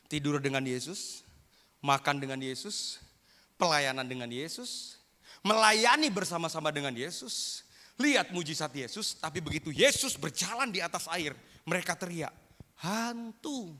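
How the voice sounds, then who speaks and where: A man preaching a sermon as pastor, animated, acting out quotes and rising to loud bursts. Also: fairly high pitch, moderate pace. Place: church hall. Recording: long reverb of a church hall.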